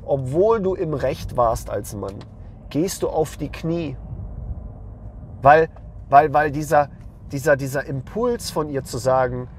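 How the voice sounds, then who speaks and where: A hoarse young man who hosts a channel talks bluntly into the camera, full of slang and repeated phrases. His voice sits fairly high, with a faint hum behind it. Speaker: men's lifestyle channel host.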